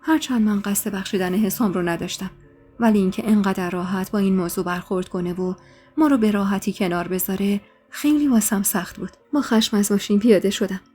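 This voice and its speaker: A woman's voice: medium pitch, warm tone, breathy edge. A woman narrating a dramatic first-person story in an emotional way, growing heated in the dialogue. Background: faint music.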